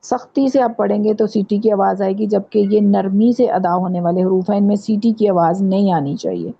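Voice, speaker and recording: A woman with a Pakistani Urdu accent teaching Quran pronunciation in an online class, patiently repeating letters slowly to demonstrate. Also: medium pitch, fairly even intonation, mellow, husky. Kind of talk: online tajweed lesson. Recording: dull lo-fi online class audio.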